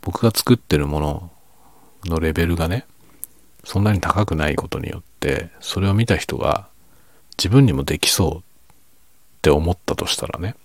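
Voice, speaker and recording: Very deep, quiet-voiced man chatting. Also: moderate pace, long pauses, no room sound. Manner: reflective, self-deprecating, soft-spoken. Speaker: streamer and hobby novelist. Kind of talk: quiet late-night casual monologue in a low voice.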